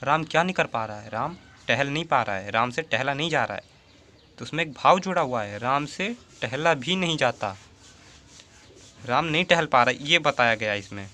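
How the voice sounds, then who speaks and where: Lively, bright-voiced male Hindi teacher. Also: mid-range voice, a little fast. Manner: repeats examples and asks rhetorical questions; addresses the viewer as 'bhai'. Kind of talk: Hindi grammar lesson for students.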